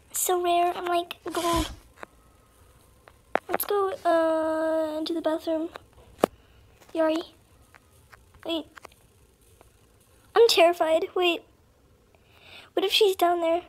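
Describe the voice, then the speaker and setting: Over a noisy background, a gaming video creator speaks slowly with flat delivery and long pauses. A voice changer alters his high-pitched, youthful voice as he gives casual, dramatic commentary on his gameplay, playfully poking fun at himself.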